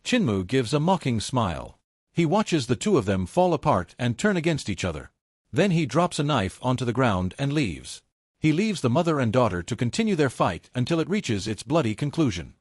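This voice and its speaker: Man, scripted story recap narrator, lively rising and falling pitch, dry close sound. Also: normal speed, no echo.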